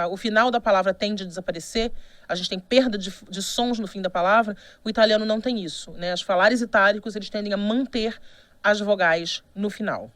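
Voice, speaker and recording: This recorded online university lecture comes from a Brazilian woman whose mid-range voice carries no echo. Speaking with a Brazilian Portuguese accent, she explains patiently, frequently asks "né?", and restarts sentences along the way.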